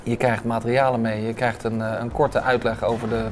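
A man in his thirties, a restaurant owner, answering interview questions with many hesitant filler sounds, recorded on a lapel mic in a bright restaurant dining room. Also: medium pitch, little pitch movement, brisk, slight background noise.

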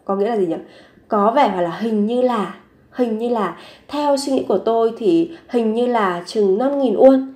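A woman language teacher explaining grammar patiently, repeating example phrases slowly and clearly. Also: a little high, dark tone. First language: Vietnamese. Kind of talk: teaching Korean grammar in Vietnamese.

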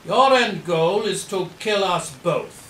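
A man playing an earnest, indignant gentleman doctor in an audio drama, speaking in a formal, grave, emphatic way. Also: high-pitched, animated, slow. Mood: defiant. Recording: roomy echo, faint background noise.

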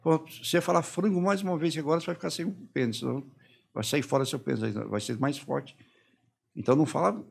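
Middle-aged brazilian guy on a podcast, husky and gravelly, talks fast, keeps quoting what was said to him. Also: on the high side. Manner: halting retelling, quoting his interrogators and himself. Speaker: podcast guest. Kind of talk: personal testimony in a podcast interview.

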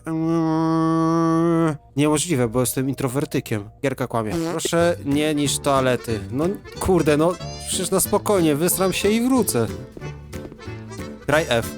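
A young man with a slightly raised pitch, commentating a game he is playing. He reacts loudly, laughs and curses, and reads the on-screen text aloud. Faint game music plays behind him. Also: expressive, measured pace, pauses often. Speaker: gaming YouTuber. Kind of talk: let's play commentary.

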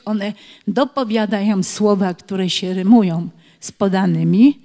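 A woman's voice: medium pitch, darkish tone. A middle-aged woman explains speech games to preschool teachers in a patient, explanatory way. Her voice sits in a middle register. It carries a long reverberant tail, as if the room is hard and large. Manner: explanatory, reads children's rhymes aloud with slow rhythmic emphasis. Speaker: author and early-years educator. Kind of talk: webinar talk for preschool teachers.

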